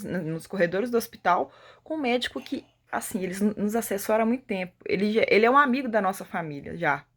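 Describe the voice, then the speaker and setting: Brazilian lady sharing her faith testimony, kinda husky voice, really emotional storytelling. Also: medium pitch. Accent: Brazilian Portuguese. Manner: emotional storytelling, acting out the dialogue she retells. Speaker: testimony speaker.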